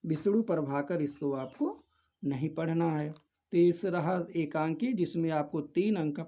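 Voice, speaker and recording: Unhurried and dark-toned, a man's voice on the high side leads a syllabus walkthrough lesson. He names every chapter in turn for his students, speaking to them directly in a methodical, repetitive, instructive way.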